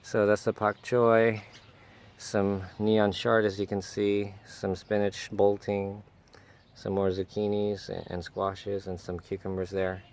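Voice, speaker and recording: A man's voice: fairly low pitch, little pitch movement, slow, darkish tone. A man giving a casual, rambling walk-through of his home garden outdoors, with frequent fillers and self-corrections.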